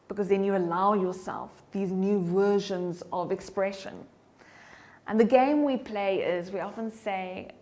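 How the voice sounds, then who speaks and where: A woman giving a motivational talk on voice and confidence. Her voice is expressive, moving in pitch and loudness for emphasis, and she drops to a soft whisper to demonstrate breathing. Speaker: keynote speaker and voice coach.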